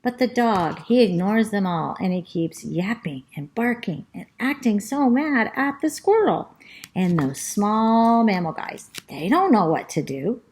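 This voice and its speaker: A woman reading a children's storybook aloud as a chatty, fussy pet parrot who narrates the tale, in a slow, sing-song rhyming manner. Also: medium pitch, animated, a little mellow, natural voice. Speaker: storybook reader.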